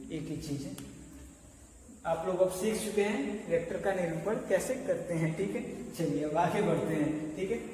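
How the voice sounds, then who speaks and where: A man's voice: high voice, darkish tone. A male maths teacher giving a conversational lecture at a board, checking in with his students often. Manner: conversational, keeps checking in with "okay". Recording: echoey room, mic far off, faint noise.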